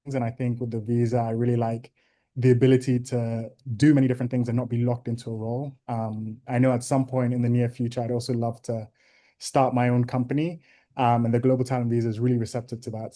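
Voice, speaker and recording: A young Ghanaian man appears as a guest in a video call interview, giving measured, thoughtful answers with plenty of "um"s. His voice is mid-range and mellow.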